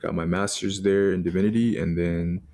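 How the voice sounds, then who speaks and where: A man's voice: low voice, steady tone, moderate pace, dark tone. A man in his thirties from Texas, a pastor co-hosting a podcast, talking in a laid-back, joking way. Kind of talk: casual chat.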